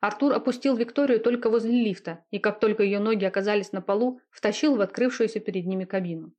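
A woman reading a romance novel aloud in a steady, intimate narrating voice. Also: medium pitch, fast talker.

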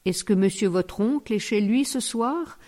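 A woman's voice: mid-range voice, animated, a little slow, mellow, close to an everyday voice. A woman reading the part of a proud young lady of a grand house, speaking curtly and with dignity. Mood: polite. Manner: curt, dignified.

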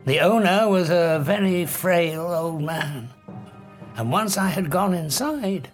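An actor with a British accent playing a proud, haunted fugitive scientist, theatrical and formal, in an audio drama. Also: male voice, sits high, slow, soft background music. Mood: grave, haunted.

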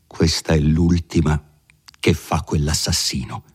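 A man's voice: extremely low pitch, steady tone, a little slow, darkish tone, husky, exaggerated voice. A man reading the part of a hot-tempered, desperate young village groom who speaks in vehement outbursts, in an audiobook of a classic novel. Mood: furious.

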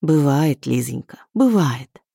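A caring elderly aunt in an audiobook, talking low and fondly, as a woman reads her. The voice is mellow and dry, with plenty of lilt in the lines. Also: lively intonation, slow, vocal fry, husky, no room sound, heavily acted. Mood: gentle. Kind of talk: audiobook character voice.

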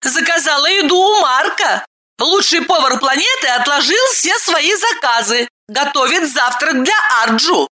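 A woman reading an audiobook voices an excitable, haughty young woman who squeals, scolds and shouts. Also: high voice, unhurried, pitched above the performer's own voice, exaggerated voice. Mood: bossy.

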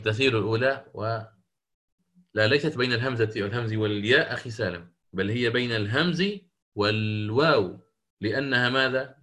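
Guy teaching recitation, quizzes his students, fixes their answers, bright clear voice. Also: mid-range voice. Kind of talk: interactive lesson.

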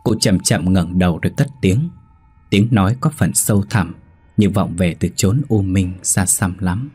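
A man narrating a horror story in a measured, suspenseful way. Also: low voice, breathy edge. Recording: soft background music.

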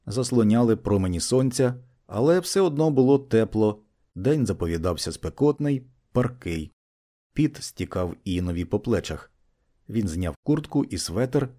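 Male narrator, audiobook reading, low voice, mellow dark tone, steady and measured.

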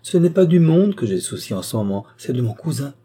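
A man's voice: mid-range voice, big pitch swings, brisk, mellow, slightly rough, pitched above the performer's own voice. Proud, earnest young man, read by a man. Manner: earnest, firm.

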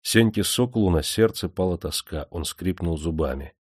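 Deep-voiced male audiobook narrator. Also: normal speed, slightly rough, dry recording, studio quality. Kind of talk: dramatic storytelling narration.

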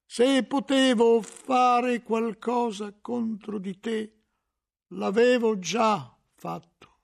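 A man voicing a cold, secretive monk librarian who speaks very slowly. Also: extremely high pitch, fairly even intonation, creaky, pitched above the performer's own voice, full character voice. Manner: very slow, drawn-out, hushed.

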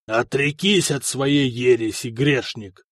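A man voicing a cruel, imperious bearded prefect who speaks in a booming, commanding voice. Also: slow pace, no echo, clean studio sound.

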